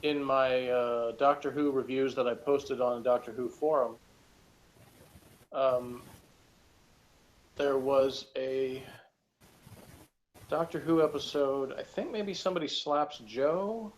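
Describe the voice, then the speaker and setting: A man guest-reviewing TV episodes thinks aloud in a casual chat, rambling and tentative. His voice is medium-pitched and steady, slow, with frequent pauses, and the recording is noisy with noticeable background ambience.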